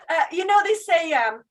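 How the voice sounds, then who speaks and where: A woman doing stand-up, speaking English as a non-native, with a deadpan delivery full of fillers and restarts. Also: very high-pitched, slight background noise, rough recording. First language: not English. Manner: deadpan, self-interrupting with fillers. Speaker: stand-up comedian. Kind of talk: stand-up set.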